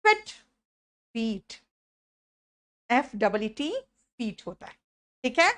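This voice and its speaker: A woman's voice: a little high, sing-song, slow pace, fairly bright tone. A woman with an Indian accent teaching an online spoken English lesson, repeating each word sound and calling her students "beta".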